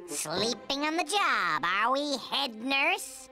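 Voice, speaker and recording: High-pitched cheeky cartoon woodpecker. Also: very animated, slow, loud music behind the voice, heavily acted. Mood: sly, scheming. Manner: brash, scheming, exclamatory wisecracks. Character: cheeky, wisecracking, high-spirited male cartoon woodpecker trickster. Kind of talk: animated cartoon voice acting.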